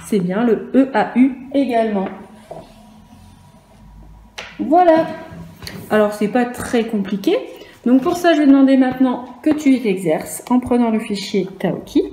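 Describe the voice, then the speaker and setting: In an echoey room with faint noise, a woman with a fairly high, dark-toned voice and lively intonation teaches phonics remotely to young kids. Speaking at a moderate pace, the primary school teacher patiently sounds out each letter in turn.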